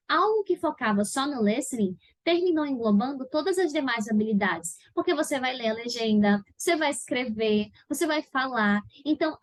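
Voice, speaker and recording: A high-voiced woman with a Brazilian Portuguese accent, teaching in a patient, didactic way. She keeps checking that her viewers follow along. The recording is close and dry. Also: no room sound. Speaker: English teacher. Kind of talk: video lesson explaining study steps.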